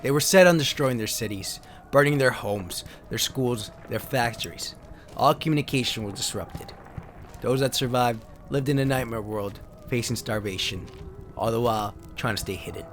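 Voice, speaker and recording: Pulp science fiction stories get a grave, theatrical dramatic reading from a man serving as narrator and host, backed by sound effects and ambience. He speaks in a mid-range voice at a moderate pace, with a slight hiss or hum on the recording.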